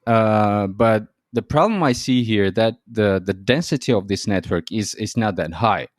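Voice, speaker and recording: A man's voice: fairly low pitch, measured pace, no room sound, studio quality. A man hosting an interview podcast, sometimes repeating words as he searches for the phrasing. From Armenia. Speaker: podcast host.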